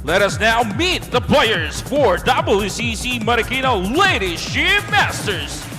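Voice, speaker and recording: A very high-pitched man works as a hyped arena announcer, in the style of a fighting game. His delivery is animated and projected, drawing out formal introductions. It rings through a hall with long reverb. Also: takes it slowly, over music. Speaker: venue announcer. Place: large indoor sports venue over the PA.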